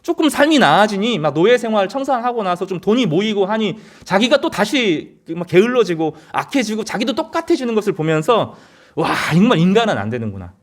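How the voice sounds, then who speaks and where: A man's voice: high voice, big pitch swings, fairly quick, few pauses. A man preaching a sermon as pastor, earnest, with rising emphasis and frequent hesitation fillers.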